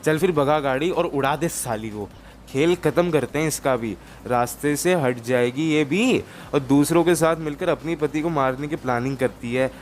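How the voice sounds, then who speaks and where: A man's voice: on the high side, moderate pace, a little hiss or hum, close to an everyday voice. A man voicing a hot-tempered young gang leader who swears and threatens, in a game roleplay. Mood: menacing.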